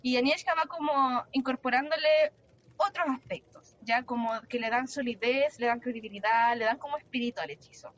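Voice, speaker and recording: A woman's voice: sits high, fairly quick, fairly bright tone. A woman, chatting casually as a podcast co-host about a book, laughing often and restarting her sentences. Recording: muffled lo-fi with faint noise.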